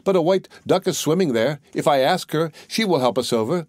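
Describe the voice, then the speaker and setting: A brave, earnest young girl pleads and plans in a high, lifted voice, as a male narrator puts her on. The reading is close and dry. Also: expressive, brisk, darkish tone, dry recording, close to an everyday voice. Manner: pleading, earnest storybook child voice. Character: young girl, frightened but clever and brave.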